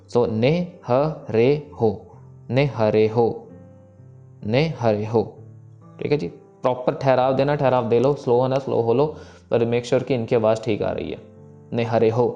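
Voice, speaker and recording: A man teaching careful pronunciation of scripture, patiently explaining and reciting each verse slowly. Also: mid-range voice, mellow, muffled recording. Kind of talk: recitation lesson.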